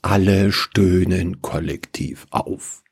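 A man narrating a story in a measured, even way. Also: sits low, breathy edge.

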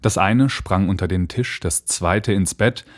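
A man reading fairy tales aloud in a slow, expressive way into a home microphone. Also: low-pitched. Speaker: storyteller. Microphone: home mic setup.

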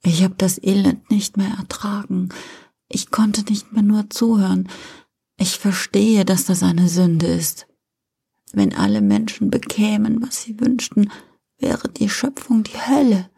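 A woman voicing a young blinded female angel, pleading and tearful in a higher, rising whisper, in a whispered role-play. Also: lively intonation, unhurried, gravelly, dark tone, breathy edge, exaggerated voice. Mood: anguished pleading.

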